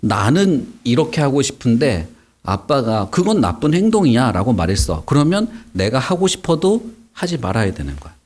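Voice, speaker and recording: A man's voice: mid-range voice, normal speed, husky. A man teaching a Sunday school sermon to children, asking them questions as he goes. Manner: animated, asks the kids questions.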